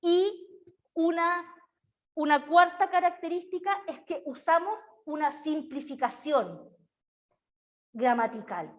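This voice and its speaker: A woman's voice: sits high, animated, slow, long pauses. A woman giving a classroom lecture on early childhood education. She keeps checking in with her students through tag questions and slips into a sing-song baby-talk voice for her examples.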